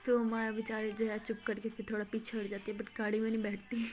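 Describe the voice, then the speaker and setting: A woman's voice: on the high side, little pitch movement, fairly quick. A woman telling a love story in a casual, chatty spoken way. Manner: chatty, laughs often.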